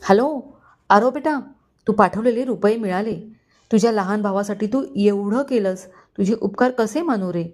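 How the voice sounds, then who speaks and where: A woman's voice: medium pitch, a little fast, dark tone, natural voice. A woman voicing a scheming stepmother who puts on syrupy, fake affection, in a storybook reading. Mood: sugary.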